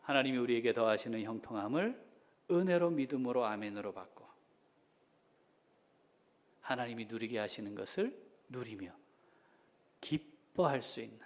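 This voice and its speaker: A middle-aged man, a senior pastor, preaching a sermon that swings between loud exhortation and soft, intimate asides. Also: medium pitch.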